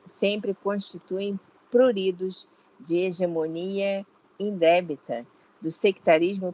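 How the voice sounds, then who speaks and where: A woman with a Brazilian Portuguese accent reading a religious text aloud to a study group, slow and deliberate. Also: fairly low pitch, darkish tone, highs cut off.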